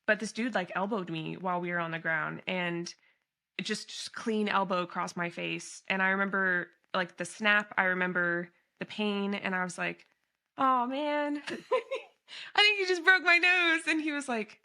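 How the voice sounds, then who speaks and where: A woman hosting a podcast, chatting casually in an animated way, laughing easily and using lots of fillers. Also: medium pitch, unhurried. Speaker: podcast host.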